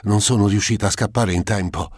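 A man's voice: on the low side, steady tone, brisk, slightly rough, no room sound, studio quality, pitched above the performer's own voice. A man voicing a desperate noblewoman pleading at her dying father's bedside in an audiobook. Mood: anguished pleading. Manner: pleading, sobbing outbursts. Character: desperate grieving noblewoman, young daughter.

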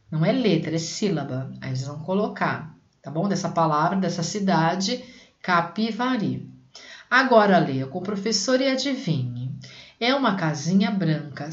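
A woman teaching a reading lesson to young children, patient, repeating words slowly and breaking them into syllables. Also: medium pitch. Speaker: primary school teacher. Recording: echoey room, dull lo-fi sound.

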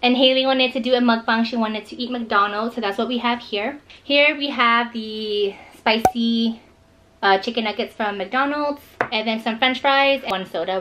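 Woman vlogger, casual and upbeat, slightly high voice, some faint background noise. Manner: upbeat, chatty, playful with a child. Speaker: vlogger hosting a mukbang. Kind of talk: casual chat to camera.

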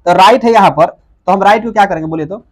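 Man, grammar teacher, high voice, lecture style, asks and answers his own questions. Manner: asks rhetorical questions and answers them himself; repeats key words slowly for emphasis. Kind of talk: classroom lecture.

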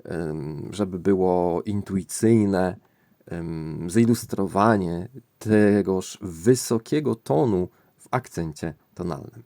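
Low gravelly-voiced man explaining patiently. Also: warm tone, no echo. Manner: thoughtful, musing, pauses to search for words. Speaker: language-learning channel host. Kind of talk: explanatory screen-recording lesson.

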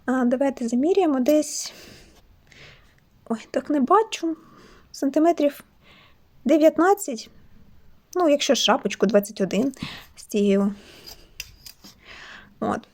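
A woman's voice: sits high, animated, measured pace, long pauses, darkish tone. A cheerful, chatty woman from Ukraine showing her crocheted toys in a casual vlog. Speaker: crochet toy maker vlogger. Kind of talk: casual show-and-tell chat.

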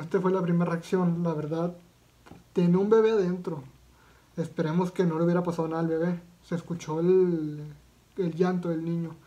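A man's voice: high-pitched, warm tone. Slangy Mexican man reacting casually. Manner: slangy and profane, with frequent fillers and restarts. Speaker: YouTube reaction vlogger.

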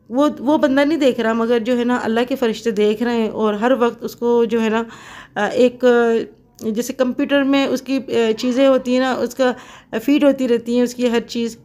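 A woman's voice: fairly high pitch, darkish tone. A middle-aged woman from Pakistan talking casually to her viewers in a home kitchen while cooking, chatty and devout, with many fillers. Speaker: cooking vlogger.

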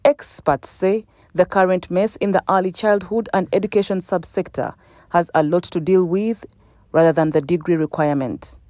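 Ugandan newswoman voice-over, mellow and dry, formal measured read. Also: fairly low pitch, steady tone, dry recording. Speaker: news reporter. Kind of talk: scripted news narration. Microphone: studio voice-over.

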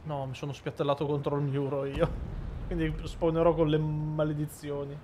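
Male streamer, slightly high voice, excitable gamer banter, faint background noise. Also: normal speed. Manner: excitable, shouts in fights. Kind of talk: casual gaming chat.

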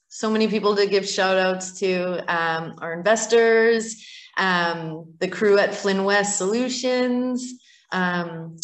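A woman's voice: mid-range voice, fairly bright tone. Woman talking in an echoey still room. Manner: chatty, with many fillers and restarts. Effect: room echo around the voice. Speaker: business owner accepting an award. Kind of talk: thank-you speech at a virtual event.

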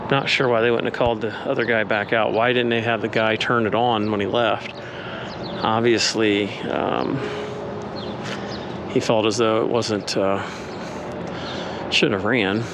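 Wry man troubleshooting over loud machinery. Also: on the low side, little pitch movement, unhurried, pauses often. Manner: casual, blunt and wry, thinking out loud. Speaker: HVAC technician. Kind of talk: talking aloud while troubleshooting. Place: outdoors at a trailer's HVAC unit. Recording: loud outdoor machinery noise.

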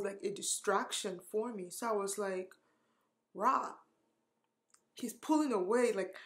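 A woman's voice: fairly high pitch, fairly bright tone. Tearful young woman telling a story. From Nigeria. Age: 20s. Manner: candid, emotional, heavy use of "like" and cursing. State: tearful, close to crying. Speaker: vlogger. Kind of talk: storytime vlog.

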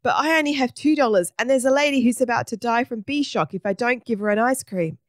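A woman's voice: a little high, quick pace, dry recording, clean studio sound, voice pushed up, close to an everyday voice. A woman voicing a bold little boy in a storybook who pleads urgently. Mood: pleading.

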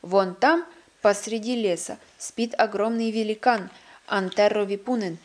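A woman's voice: medium pitch, unhurried, natural voice. A woman voicing a friendly, helpful male shepherd giving advice in a storybook reading.

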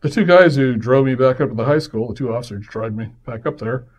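A man's voice: mid-range voice, fast talker. A man hosting a podcast, telling a personal story casually and acting out the voices of the people in it. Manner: lively, acts out quoted voices in his stories. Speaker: podcast host.

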